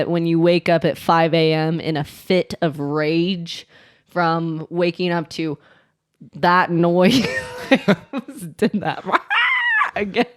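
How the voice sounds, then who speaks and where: A woman's voice: lowish voice, slow, clean tone. A woman co-hosting a casual chat show, telling a neighbor story with exasperated laughter. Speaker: podcast co-host.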